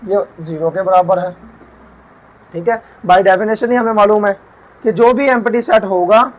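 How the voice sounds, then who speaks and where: High-voiced man teaching a math lesson. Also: a little slow, poor audio. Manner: explains step by step, repeats and asks himself questions. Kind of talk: whiteboard math lecture. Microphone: camera mic while writing.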